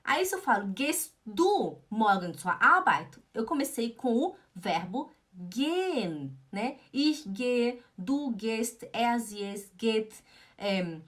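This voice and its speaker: A young Brazilian woman with a slightly high voice teaches German in a live-streamed lesson. She is chatty and informal, reading viewers' comments aloud. She keeps asking "né?" as she talks. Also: animated, takes it slowly. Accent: Brazilian Portuguese.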